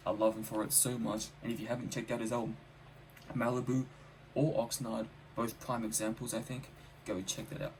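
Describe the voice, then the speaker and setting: A man's voice: medium pitch, level tone, fairly quick, darkish tone, slight background noise, low-quality recording. A man giving a casual, enthusiastic spoken music review, stressing points by repeating his phrases. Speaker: album reviewer.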